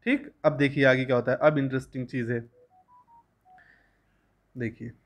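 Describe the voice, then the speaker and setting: A young man teaching a school English lesson, reading lines slowly and then explaining them at length. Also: mid-range voice, steady tone.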